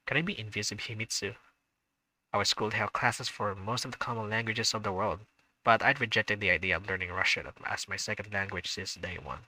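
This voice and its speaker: Reading narration from a visual novel, this male streamer chats between lines and hesitates with fillers when uncertain. His lowish voice sounds pushed and bright, and the audio quality is poor.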